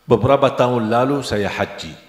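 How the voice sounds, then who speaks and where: A middle-aged man preaching a sermon with storytelling, animated and acting out the dialogue in his stories. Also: medium pitch, moderate pace. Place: large hall at an Islamic boarding school. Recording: echoey hall with long reverb.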